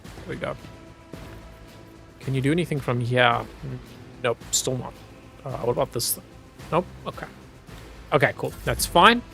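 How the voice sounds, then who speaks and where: A man from Zimbabwe plays a game on stream, easygoing and chatty, laughing often and talking to his chat. His mid-range voice is a little slow, creaky and sharp in tone, with long pauses. Soft music plays in the background.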